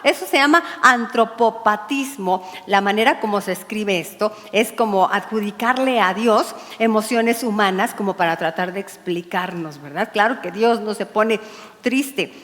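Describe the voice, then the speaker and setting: Una mujer con acento mexicano que enseña un estudio bíblico para mujeres en tono conversador y con humor. Dramatiza diálogos y pregunta a menudo "¿verdad?". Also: female voice, medium pitch, normal speed, fairly bright tone, big-room sound. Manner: chatty and humorous, acts out dialogues, asks "¿verdad?". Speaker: pastor's wife teaching a women's Bible study. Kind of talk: women's Bible study sermon. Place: church hall.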